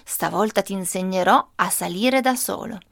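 A kindly old grandfather with a gentle, coaxing way of talking, patient and playful as he teaches a child, put on by a woman reading a children's storybook. The sound is close and dry, with no room around it. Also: high-pitched, normal speed, creaky, dry recording. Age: older.

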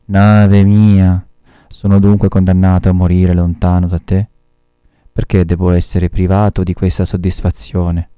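Low-voiced vengeful old captain read aloud by a man, dark tone, for a storybook reading. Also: flat delivery, measured pace, clear, resonant tone, dry recording, studio quality. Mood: lamenting. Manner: shouting commands, grieving and defiant.

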